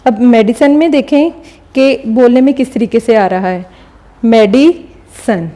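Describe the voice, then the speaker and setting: A woman teaching a recorded lesson, her voice slightly high and mellow. She explains patiently and step by step, stopping often to check that the class is following. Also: expressive, normal speed. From Pakistan.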